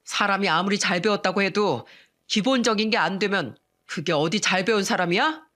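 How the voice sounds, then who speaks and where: A woman's voice: mid-range voice, fairly quick, sharp tone, natural voice. A protective husband, as a female storyteller voices him, speaking in a firm, stern, no-nonsense way in this storybook drama.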